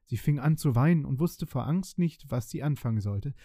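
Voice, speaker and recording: Calm man reading an old fairytale, dark voice, dry close mic. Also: mid-range voice, normal speed, no echo. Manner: calm, even storytelling. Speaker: narrator.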